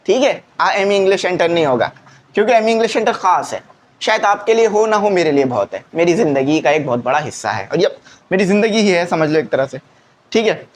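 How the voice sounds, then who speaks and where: A man's voice: high voice, lively intonation, fast talker, a little hiss or hum. A man teaching a classroom grammar lesson who talks patiently, repeats his key points and keeps asking rhetorical questions.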